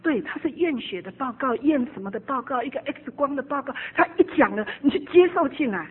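A woman, preaching a personal sermon testimony. Her voice sits high and a little breathy, swinging between emphatic, animated preaching and quiet asides. The sound is narrow and phone-like. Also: fairly quick.

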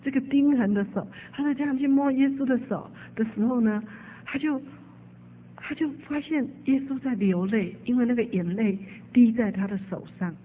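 A woman's voice: on the high side, normal speed, slight background noise. A woman preacher telling an emotive story in a sermon. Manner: emotive, with frequent "hao" fillers. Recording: tinny phone-like sound.

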